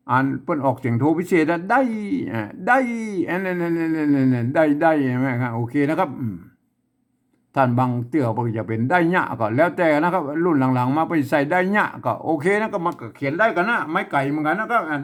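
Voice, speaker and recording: A man teaching a casual spoken lesson, repeating himself and talking with many fillers. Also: fairly high pitch. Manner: repetitive, rambling, with many fillers.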